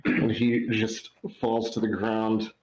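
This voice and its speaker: Man narrating his tabletop character, slow deliberate delivery, lowish voice, echoey room, dull mic. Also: monotone, darkish tone, a little hiss or hum. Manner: slow, deliberate scene-setting. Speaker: player.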